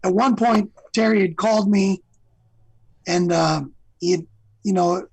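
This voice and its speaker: Male guest, husky and dry, rambling storyteller. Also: high voice, fairly even intonation, measured pace, darkish tone, no room sound, low-quality recording. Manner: rambling storyteller, many fillers. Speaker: guest singer. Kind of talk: casual interview chat.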